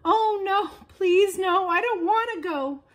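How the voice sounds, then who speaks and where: A woman voicing a small, scared young seed in a children's story, with a high, pleading, wavering voice. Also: lively intonation, a little slow.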